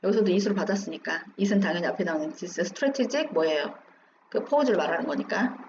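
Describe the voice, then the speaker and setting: A woman's voice: on the low side, expressive, moderate pace, a little mellow. A woman teaching English, going through an exam passage line by line, asking questions and answering them herself. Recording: dull roomy recording with faint hum.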